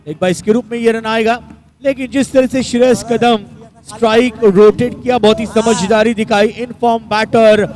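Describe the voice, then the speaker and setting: Very high-pitched male cricket commentator. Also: darkish tone. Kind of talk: live match commentary and analysis.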